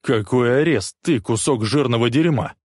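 A man voicing an angry, defiant male suspect who talks in a gruff, barking way. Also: medium pitch, slow pace, dry recording, clean studio sound, pitched above the performer's own voice.

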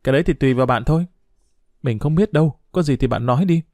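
A man's voice: on the high side, fast, a little mellow, dry recording, natural voice. A man voicing a playful, bossy schoolgirl who teases in a mock-stern way. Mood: teasing.

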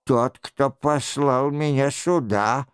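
A man's voice: medium pitch, slow pace, clear, resonant tone, dry recording, studio quality, voice pushed down, close to an everyday voice. A man doing a frightened, evasive monk. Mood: nervous. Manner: nervous, evasive answers. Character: frightened sober-struck male monk, pleading. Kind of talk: audiobook character reading.

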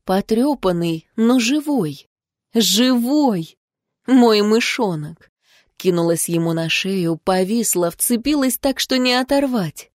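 A woman reads a first-person fantasy audiobook in an expressive, animated voice. Her pitch sits in a middle range. The recording is dry and close, with no room sound. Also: measured pace, dry recording. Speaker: audiobook narrator.

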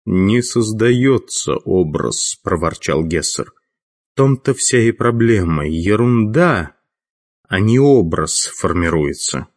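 A man voicing a stern male chief of mages who speaks dryly and in a measured way, in an audiobook. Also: sits low, lively intonation. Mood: grumbling. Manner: dry, measured.

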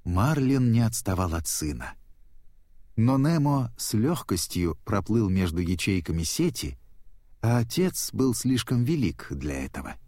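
A man narrating a children's storybook in a steady, expressive way. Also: lowish voice, a little slow, dry recording, clean studio sound.

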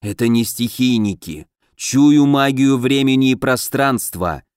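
A man voicing a fretful male house spirit who chatters quickly when excited. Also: mid-range voice, clean tone, no room sound, clean studio sound, lightly acted. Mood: strained.

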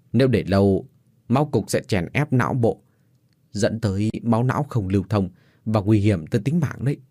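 A man's voice: on the low side, warm tone, no room sound, studio quality. A man voicing a hospital doctor who speaks in a tense, businesslike way.

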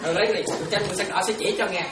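This woman talks very fast at a medium pitch. She's a Buddhist nun giving a casual, chatty dharma talk, often laughing and referring to her audience as her children, recorded from a distance in a roomy space among a crowd.

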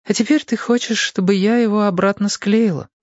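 A man voicing a quiet, toneless sad woman. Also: medium pitch, a little fast, dry recording, lo-fi sound, voice pushed up, lightly acted. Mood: wry. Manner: flat, toneless; softly whispered. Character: quiet, sad Danish woman in her prime.

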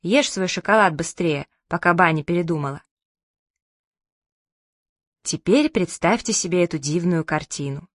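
A woman narrating a children's story as an audiobook in a lively storytelling manner. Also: medium pitch, no echo, studio quality. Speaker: audiobook reader.

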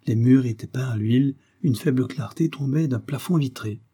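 A man narrating a classic detective novel in a steady, measured audiobook reading. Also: mid-range voice, breathy edge.

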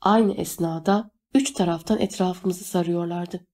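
A woman reading a novel aloud as narrator, steady and measured. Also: lowish voice. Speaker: audiobook narrator. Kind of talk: scripted narration.

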